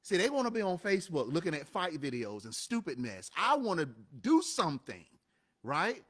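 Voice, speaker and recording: A man co-hosting a casual motivational talk show tells stories with real emphasis. His voice sits a bit high for a man and swings widely in pitch, so every point he makes lands with energy. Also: normal speed. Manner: animated, emphatic storytelling. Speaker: co-host of a live show and podcast.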